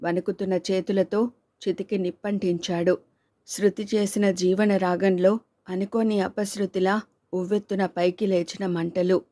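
Woman, story narrator, scripted poetic narration, solemn, measured, mellow tone. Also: medium pitch, little pitch movement.

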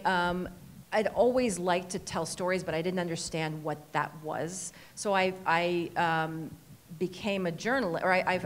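A middle-aged woman from Iraq speaking on a convention panel into a handheld mic, playful with laughing asides. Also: fairly low pitch. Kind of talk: panel talk. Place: stage in a convention hall.

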